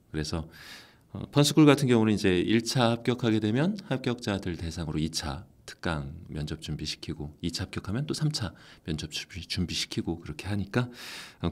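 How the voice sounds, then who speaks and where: Lively low-voiced Korean man voice actor. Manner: animated storytelling, acts out quoted lines. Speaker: voice actor and academy head. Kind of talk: casual interview answers.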